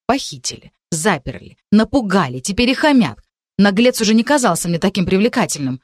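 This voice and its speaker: A woman narrating a first-person audiobook with expressive storytelling. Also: medium pitch, fairly quick, no echo, clean studio sound.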